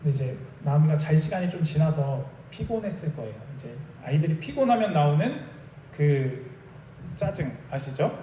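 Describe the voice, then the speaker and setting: A man's voice: fairly high pitch, sing-song, normal speed, dark tone, echoey room, far from the mic, a little hiss or hum. A young adult man preaching a sermon as a pastor, telling a personal story in a conversational way and acting out bits of dialogue. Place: small church sanctuary.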